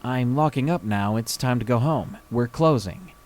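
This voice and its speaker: A man reading a scary true story aloud with slow, dramatic pacing. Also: medium pitch, darkish tone. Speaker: story reader.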